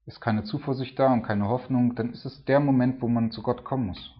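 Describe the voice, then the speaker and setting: A man's voice: medium pitch, fairly even intonation, brisk, muffled recording. A man giving a sermon in a conversational tone, filling his talk with "so" and "ne?". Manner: conversational preaching, peppered with "so" and "ne?". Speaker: preacher. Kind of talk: sermon on a psalm.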